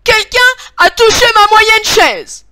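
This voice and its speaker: A woman's voice: fairly high pitch, lively intonation, unhurried, a bit bright, dry recording, studio quality. A woman voicing an irritated mother bear in a storybook, talking in an angry, scolding way.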